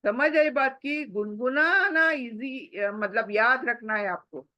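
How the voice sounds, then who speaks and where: A woman's voice: fairly high pitch, slow, sharp tone, no echo, lo-fi sound. A woman tajweed teacher who patiently repeats examples, hums the letters and asks questions she then answers herself. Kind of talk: recorded Quran recitation lesson.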